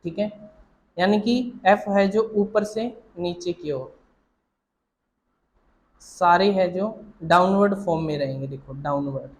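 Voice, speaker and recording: A man's voice: high-pitched, a little slow, long pauses, low-quality recording. A man teaching shorthand, explaining each point step by step, repeating himself and quizzing the listener.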